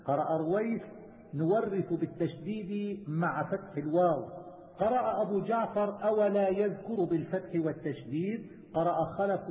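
Male teacher, high voice, steady itemized recitation; thin lo-fi sound with a long hall echo. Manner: measured, methodical listing. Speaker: teacher of Quranic reading variants. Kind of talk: chanted recitation and itemized explanation. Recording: tinny phone-like sound with long reverb.

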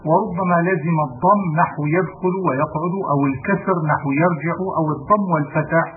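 A man reading a classical grammar text aloud in a steady recitation, sometimes correcting himself mid-word. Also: on the high side, fast talker. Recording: tinny phone-like audio with faint hiss.

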